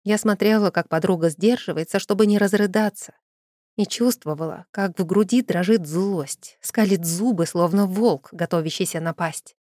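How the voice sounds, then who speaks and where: A woman reading a first-person fantasy audiobook with dramatic, expressive storytelling. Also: medium pitch, moderate pace, no room sound, studio quality. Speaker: audiobook narrator.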